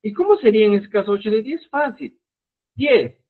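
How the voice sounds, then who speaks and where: A man teaches a live online Quechua lesson, walking through each step and stopping to check that his students follow. His voice sits high and swings widely in pitch. The sound is thin and tinny, like a phone line. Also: lively intonation, moderate pace. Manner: explains step by step, checks in with "¿ya?" and "estimados amigos".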